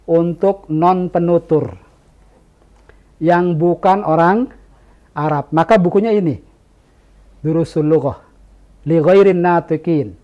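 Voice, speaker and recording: An Indonesian man teaching a religious study class, pressing his listeners with one rhetorical question after another in an emphatic, animated way. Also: a little high, takes it slowly, long pauses, lo-fi sound. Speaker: Islamic teacher.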